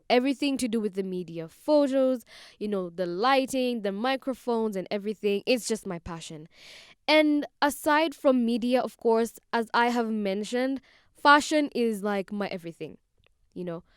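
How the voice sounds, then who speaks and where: A woman's voice: on the high side, smooth, no echo, clean studio sound. Bubbly young woman podcasting. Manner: bubbly, chatty, addresses listeners directly. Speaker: podcast host. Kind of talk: solo podcast monologue.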